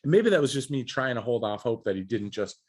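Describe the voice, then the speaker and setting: A man's voice: medium pitch, very animated, quick pace, darkish tone, breathy edge. A man co-hosting a review podcast in a laid-back, slangy way, often repeating words. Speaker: podcast co-host. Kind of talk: casual review chat.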